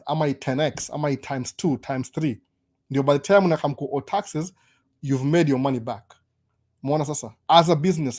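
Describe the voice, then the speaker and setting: A man's voice: fairly high pitch, darkish tone. A young adult man with a Kenyan accent hosting a casual live stream, switching between Swahili and English and stammering through restarts. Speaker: host.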